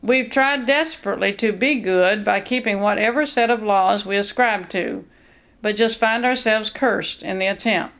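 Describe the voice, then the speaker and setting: Woman, sermon-style Bible reading, earnest, measured, gravelly fry. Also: mid-range voice, a bit bright. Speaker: Bible teacher. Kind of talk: read devotional teaching.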